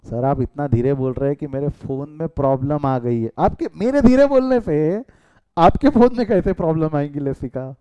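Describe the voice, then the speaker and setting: A man's voice: a little high, moderate pace, warm tone, smooth, muffled recording. A middle-aged man with an Indian accent teaching a live online commerce class, mixing Hindi and English, quizzing his students and breaking off into chatty asides.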